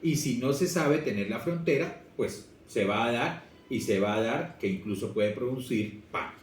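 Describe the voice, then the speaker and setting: A man teaches a class in a lively, expressive way, talking straight to his students. His voice comes from some distance off the mic and echoes around a big room. A faint room hum sits under it. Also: mid-range voice, moderate pace. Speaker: language teacher. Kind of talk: lecture to students.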